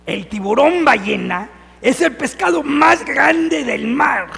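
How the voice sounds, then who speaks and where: A man's voice: very high-pitched, lively intonation, slow pace, creaky, bright, forceful tone. A man giving a Sunday homily as a priest, earnest and putting questions directly to the congregation. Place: church. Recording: long church reverb.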